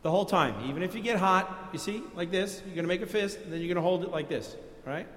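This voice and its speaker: A New York-accented man delivering a sermon in an easy, folksy manner. His high voice is heard in a roomy church with a long, lingering echo. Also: fast, a bit bright. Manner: conversational, folksy preaching. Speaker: pastor. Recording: echoey church reverb.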